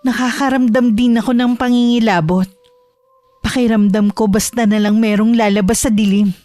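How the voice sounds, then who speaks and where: A woman narrating a horror story in the first person, in a steady, hushed storytelling manner. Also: fairly high pitch, moderate pace, dry recording, faint music behind.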